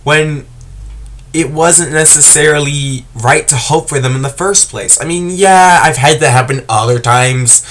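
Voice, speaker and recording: A man's voice: on the high side, a little slow, a bit bright, slight background noise. A man vlogging to camera, tearful and choked up, rambling and hesitant with many restarts. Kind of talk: emotional casual monologue to camera.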